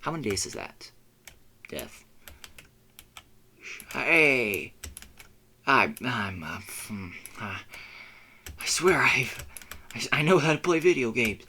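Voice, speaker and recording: A man's voice: mid-range voice, expressive, measured pace, long pauses, sharp tone, a little hiss or hum. A young man giving rambling, self-mocking commentary while playing a game, with frequent cursing and yelped "oh no"s. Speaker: gamer recording a let's play.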